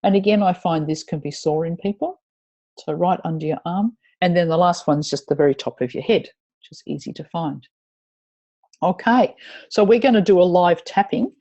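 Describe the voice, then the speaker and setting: A woman teaching tapping points in a webinar, guiding listeners through slow repeat-after-me phrases over a video call. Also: fairly low pitch, warm tone, muffled recording. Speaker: EFT tapping instructor.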